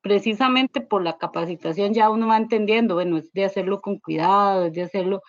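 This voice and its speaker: A woman's voice: medium pitch, fairly quick, dry recording, dull audio. A woman sharing a personal church testimony in a class, telling it in a rambling way with constant tag questions.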